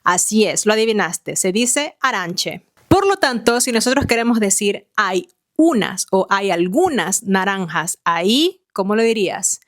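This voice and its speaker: A woman's voice: medium pitch, lively intonation, a little slow, dry recording, studio quality. A woman teaching an online language lesson, explaining step by step and asking the learner questions as she goes.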